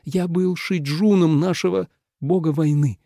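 A man reading an audiobook voices a composed young courtier who speaks slightly above the narrator's pitch. Measured and cool, he stays resolute, with a gravelly texture in a dry, close recording. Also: no echo. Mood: calm. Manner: calm, measured, cold and resolute. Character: calm, firm young man, emperor's foster brother. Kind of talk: audiobook character voice.

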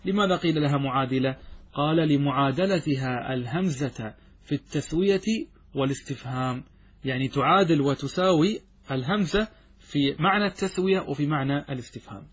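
A man teaching grammar in a classroom lecture, asking questions and answering them himself, and slowly drawing out quoted examples. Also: a little high, slightly rough. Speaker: Islamic scholar teaching grammar. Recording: dull lo-fi recording.

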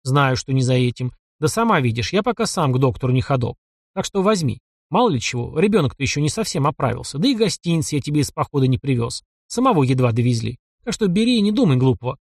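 A man's voice: mid-range voice, very animated, quick pace, no room sound, clean studio sound. A man voicing a wounded young village man who speaks bluntly and matter-of-factly.

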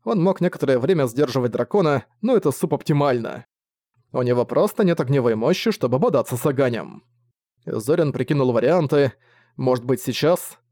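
A man narrating a fantasy audiobook in a steady, lively storytelling manner, close to the mic. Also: medium pitch, a little fast, no echo. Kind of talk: scripted narration.

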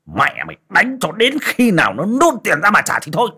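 A man voicing a cruel, scornful wealthy moneylender who sneers and barks insults and orders, with a husky voice. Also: low-pitched, big pitch swings, measured pace, a bit bright, full character voice. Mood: furious.

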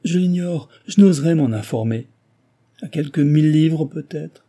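Frantic ruined gentleman, voiced by a man, pleading, raised husky voice, dark tone. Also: on the high side, normal speed, voice pushed up.

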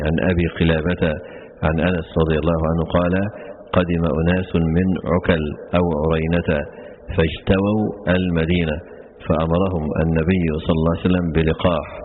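A very low, flat-voiced man gives a lesson on a classical religious text, moving quickly through his explanations and pausing on many "aah" fillers. His voice comes through a tinny, phone-like recording with faint hiss behind it. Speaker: Islamic scholar teaching hadith commentary.

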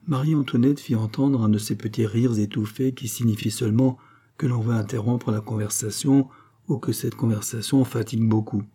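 A man reading a novel aloud, narrating in a steady way. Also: mid-range voice, moderate pace, husky. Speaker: audiobook reader.

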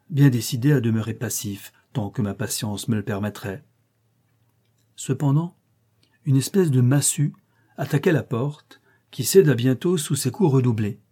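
A man reads a classic short story aloud in the first person, in a measured, literary manner. His voice is dark and warm, with a husky grain. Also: mid-range voice. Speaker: audiobook reader.

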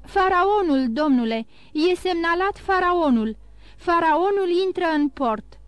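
A woman voicing an ecstatic young man who shouts his news. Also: extremely high pitch, lively intonation, no echo, voice pushed up. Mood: jubilant. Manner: shouting, jubilant exclamations.

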